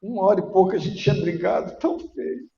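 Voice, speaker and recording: A male pastor preaching a sermon, emotional and at times rising to shouting. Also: high-pitched, fast talker, creaky, slight background noise. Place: church. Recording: muffled echoey church hall.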